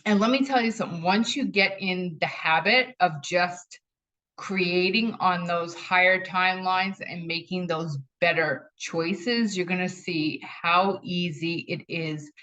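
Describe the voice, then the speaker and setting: A woman's voice: on the low side, steady tone, measured pace, bright, forceful tone. A middle-aged woman talking casually about spiritual ideas, telling personal stories and repeating phrases for emphasis. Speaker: spiritual talk host. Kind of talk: casual spiritual talk to camera. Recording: dull lo-fi sound.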